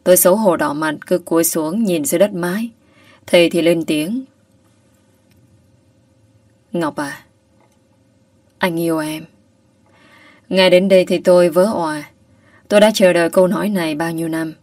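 A young woman narrating a first-person audio story in a soft, emotional way. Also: lowish voice, brisk, no room sound, studio quality, distant mic.

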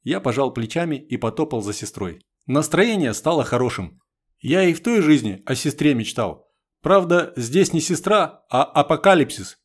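A man's voice: fairly high pitch, sing-song, normal speed, husky. Man narrating a wry first-person story. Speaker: audiobook reader.

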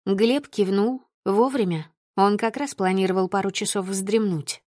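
A woman's voice: mid-range voice, fairly even intonation, measured pace, darkish tone, no room sound, clean studio sound. A woman narrating an audiobook in the first person with intense, emotional reading.

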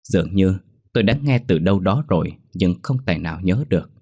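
Deep-voiced male horror storyteller. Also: expressive, brisk, darkish tone. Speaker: narrator. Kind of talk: first-person horror story narration. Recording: faint background music.

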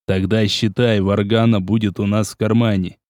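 A man's voice: on the low side, little pitch movement, normal speed, a little mellow, no echo, close to an everyday voice. A man voicing a cold, scheming older nobleman who speaks curtly and dismissively. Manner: curt, dismissive, menacing.

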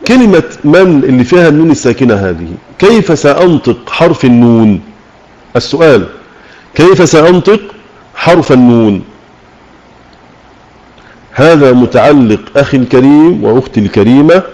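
A man teaching a Tajweed lesson, slowly repeating key words and asking and answering his own questions. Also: on the high side, a little mellow, poor audio. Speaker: Quran recitation teacher. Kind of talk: religious lesson on Tajweed rules. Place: online voice chat room.

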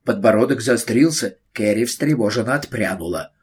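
A man narrating a children's book in an even storytelling delivery. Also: on the low side, moderate pace, slightly rough. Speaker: audiobook narrator. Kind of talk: scripted narration.

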